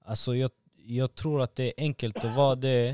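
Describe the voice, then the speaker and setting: A man's voice: mid-range voice, fairly even intonation, darkish tone, no room sound, studio quality. A man who is a guest on a casual home podcast, bantering and often repeating himself.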